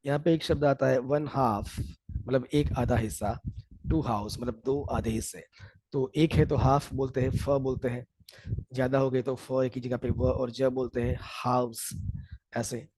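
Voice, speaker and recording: A man teaching English, explaining pronunciation and the course, and speaking slowly and deliberately when he switches to English. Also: mid-range voice, fairly even intonation, a little mellow, husky, no echo, low-quality recording.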